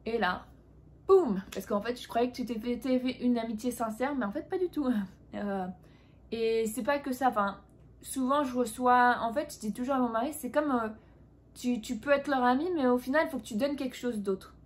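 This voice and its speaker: A woman's voice: fairly high pitch, normal speed. A young French woman talking casually to camera about life abroad, chatty and full of fillers. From France. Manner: chatty, many fillers, quoting others in English. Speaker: vlogger. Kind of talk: casual confiding monologue.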